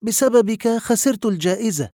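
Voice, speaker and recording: A man's voice: sits high, moderate pace, warm tone, no room sound, clean studio sound, voice pushed up, lightly acted. A man voicing an angry, reproachful woman in her sixties, raising his voice to play her. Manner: reproachful, sarcastic.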